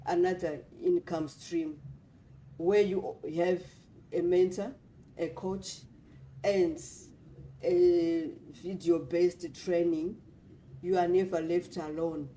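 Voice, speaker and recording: A woman's voice: fairly low pitch, steady tone, slow pace, dark tone, a little hiss or hum, poor audio. A woman from Zimbabwe speaking earnestly as a guest on a livestream panel, in a repetitive, motivational way. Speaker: guest speaker, nurse and business mentor.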